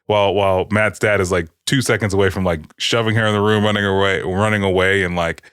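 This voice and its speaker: A man's voice: low voice, steady tone, fast, a bit bright, smooth, dry recording, clean studio sound. A man co-hosting a podcast, rambling through a TV recap in casual, profane chat. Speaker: podcast co-host.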